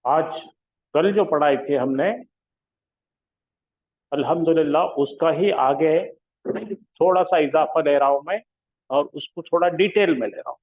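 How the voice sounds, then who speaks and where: A man's voice: fairly high pitch, a little slow, long pauses. A man teaching an Arabic grammar class, drilling pronouns with call-and-response questions. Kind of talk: classroom lesson. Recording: echoey room over a tinny phone-like line.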